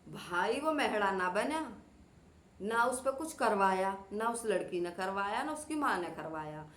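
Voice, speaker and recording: A woman's voice: mid-range voice, expressive, a little slow, fairly bright tone. A woman talking earnestly to her viewers in a casual vlog, acting out family quarrels as she lectures. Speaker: vlogger. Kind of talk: casual talk to camera. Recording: echoey room, faint background noise.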